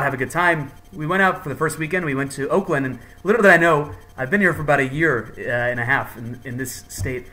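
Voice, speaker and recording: Male podcast host, bright forceful voice, jokey casual chat, middle pitch, faint noise. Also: poor audio.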